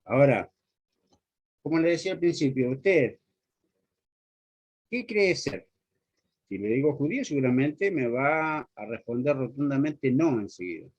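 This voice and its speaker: A man's voice: mid-range voice, darkish tone, slightly rough. A man preaching a sermon, speaking earnestly and putting pointed rhetorical questions straight to the listener. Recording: dull lo-fi recording.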